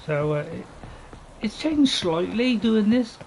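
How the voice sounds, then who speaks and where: A man's voice: high voice, lively intonation, takes it slowly, creaky, darkish tone, slight background noise, poor audio. A man giving rambling, casual commentary as he plays a video game. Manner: rambling, chuckling asides. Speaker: gamer recording a playthrough.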